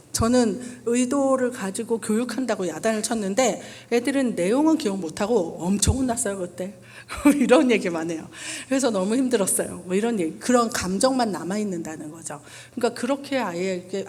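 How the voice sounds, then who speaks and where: A woman's voice: medium pitch, a little mellow, breathy edge. A woman in her forties, a pastor's wife, speaking earnestly to a church parents' meeting and acting out lines between parent and child. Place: church hall.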